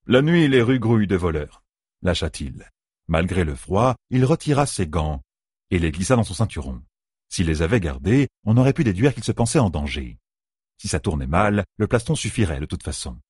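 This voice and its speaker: A man reading a novel aloud as an audiobook narrator, with expressive rising and falling delivery. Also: deep voice, breathy edge, dry recording, studio quality. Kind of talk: scripted narration.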